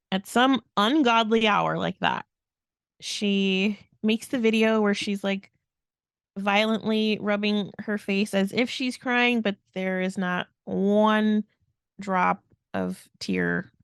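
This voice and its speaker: A woman co-hosting a podcast, telling events in a lively, casual way and imitating other people's voices. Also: medium pitch, smooth, no room sound, clean studio sound. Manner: animated storytelling, mimics others' voices. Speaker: podcast co-host.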